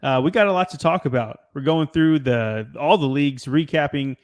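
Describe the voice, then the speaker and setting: A young man hosting a soccer podcast in a relaxed, rambling casual chat who laughs easily. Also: fairly high pitch, normal speed. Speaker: podcast host.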